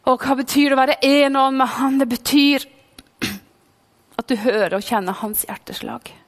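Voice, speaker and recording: A woman preaching a sermon with a mix in her speech, fervent, swinging between loud calls and hushed whispers. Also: high voice, steady tone. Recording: long hall reverb.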